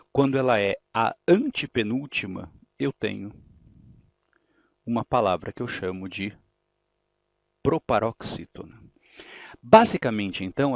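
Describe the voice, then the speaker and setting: A man's voice: mid-range voice, creaky, no echo. A Brazilian Portuguese-accented man teaching a grammar lesson for exam prep, explaining patiently and asking rhetorical questions. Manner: explanatory, asks rhetorical questions, repeats key points.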